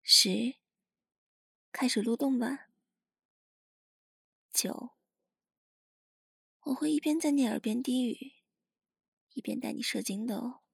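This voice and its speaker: 女声优演绎的贴耳低语、气声沙哑的轻蔑女子，耳语角色扮演. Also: female voice, on the high side, slow, pauses often, a bit bright, no room sound, heavily acted. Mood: teasing, coaxing. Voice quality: breathy, husky. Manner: close-up murmuring, right in the listener's ear. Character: teasing, contemptuous dominant young woman, intimate and controlling. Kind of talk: ASMR role-play. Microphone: very close, dry microphone.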